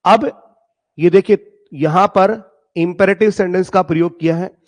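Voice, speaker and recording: A man teaching a lesson, reading poem lines slowly and dramatically, then explaining them and asking the class rhetorical questions. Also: high voice, fairly even intonation. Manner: addresses students as "beta", asks rhetorical questions.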